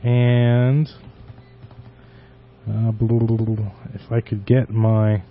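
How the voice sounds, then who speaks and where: A man hosting a show with casual, unscripted talk in a halting, rambling manner. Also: on the low side, flat delivery, faint music behind. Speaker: podcast host. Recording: dull lo-fi internet radio audio.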